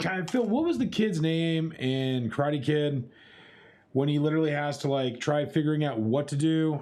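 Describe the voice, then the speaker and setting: Here a charity streamer, a young man, narrates his way through a chopsticks challenge with playful exclamations, chatting casually to his audience. His voice is a little high and darkish in tone, and there's a faint hiss or hum in the recording.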